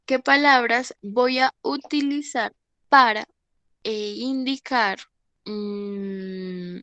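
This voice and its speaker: A woman with a slightly high voice teaches an English class online, drawing out her words in a sharp, clean tone. She explains patiently and keeps checking that students follow, often asking "¿listo?". The recording is muffled, with no room sound.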